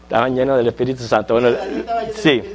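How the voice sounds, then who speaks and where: A man's voice: medium pitch, fairly even intonation, quick pace, a crowd in the background. A man teaching a Sunday school Bible lesson in a conversational way. He checks in with the class often and tells light jokes. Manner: conversational, checks in with listeners with frequent questions.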